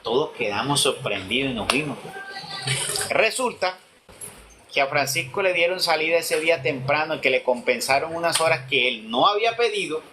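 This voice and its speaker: A man's voice: fairly high pitch, animated, moderate pace, background noise. A man telling his conversion testimony, acting out the dialogue he quotes. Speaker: testimony speaker.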